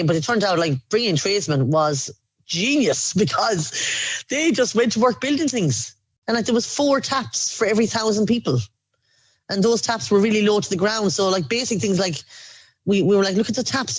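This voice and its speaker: A woman's voice: mid-range voice, brisk, dry recording, rough recording. An Irish woman, an aid volunteer, recounting her experiences in an earnest, emphatic documentary interview.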